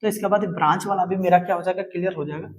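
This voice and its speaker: A man's voice: high-pitched, fairly even intonation, racing. A man teaching a class lesson at a board, who often repeats key terms and quizzes his students with questions. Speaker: science teacher.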